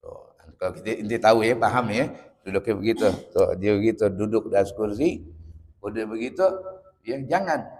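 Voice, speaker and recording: A man's voice: lowish voice, normal speed, a little mellow, in a large hall. A man teaching a religious lesson. He reads Arabic lines from the book, then explains them with playful everyday examples. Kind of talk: kitab study lesson.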